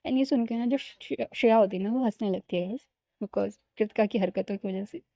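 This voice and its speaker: A woman's voice: medium pitch, a little fast, vocal fry, dark tone, dry recording. A woman telling a story in a chatty, casual way, often addressing listeners as guys and mixing in English. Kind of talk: casual spoken story narration. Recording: slightly dull lo-fi recording.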